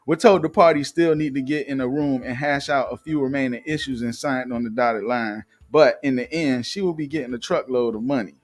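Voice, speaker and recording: Speaking briskly with hardly any pauses, a man with a mid-range voice hosts a live show in Atlanta. He reads news and chats in a loose, casual manner, leaning on fillers and restarting often.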